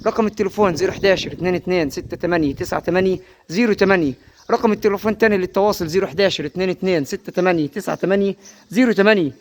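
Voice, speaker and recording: A man with an Upper Egyptian Arabic accent giving a livestock sales pitch in the chanting, repetitive manner of a street vendor. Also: very fast, slight background noise. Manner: chanting, repetitive hawking with repeated praise phrases. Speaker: livestock seller presenting sheep for sale.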